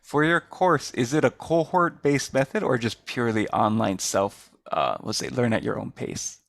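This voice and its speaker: A man gives an informal introduction as a business coach. His voice is medium in pitch with plenty of fry, and he explains in a halting way, rephrasing as he goes. The sound is dry, with no room echo. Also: expressive, a bit bright. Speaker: business coach for school owners. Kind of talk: informal self-introduction in a group discussion.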